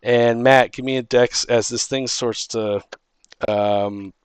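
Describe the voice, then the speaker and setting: A man running a tabletop game as dungeon master, talking loosely with many fillers and frequent laughs. His pitch is mid-range. The sound is dry and close. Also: steady tone, slow pace, smooth, dry recording.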